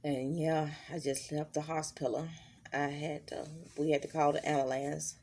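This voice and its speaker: A middle-aged woman, talking in a halting, worried diary vlog and holding back tears. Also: deep voice, flat delivery, dark tone. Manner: halting, many fillers and restarts. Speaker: vlogger.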